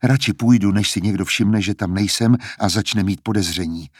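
A man's voice: lowish voice, a little mellow, husky, no echo, studio quality. A man reading aloud, voicing a guarded young man who speaks in a tense, clipped way. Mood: determined.

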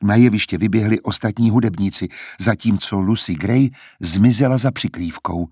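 A man narrating an audiobook in a steady, measured reading voice. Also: lowish voice, slightly rough, dry recording, clean studio sound. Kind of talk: scripted narration.

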